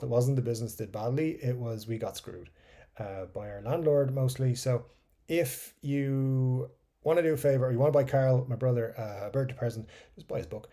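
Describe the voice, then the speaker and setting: An Irish-accented man hosts a casual livestream, reading viewer comments aloud and chatting loosely. He swears now and then and trails off into mumbles, speaking in a mid-range, dark voice.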